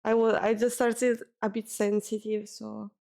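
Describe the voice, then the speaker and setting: Woman streamer, high and gravelly, slow, tired and teary, casual chat. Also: level tone, dark tone. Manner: emotional, thanking viewers, near tears.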